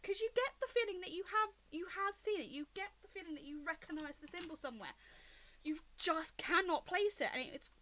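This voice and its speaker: High-voiced woman running a tabletop game. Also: expressive, sharp tone, slight background noise. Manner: quick, descriptive narration with restarts. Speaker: game master.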